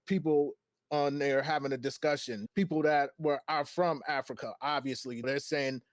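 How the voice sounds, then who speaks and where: A man's voice: on the high side, fairly even intonation, moderate pace, no room sound. Man hosting a laid-back podcast. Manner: conversational, thinks aloud with restarts. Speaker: podcast host. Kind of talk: casual podcast chat.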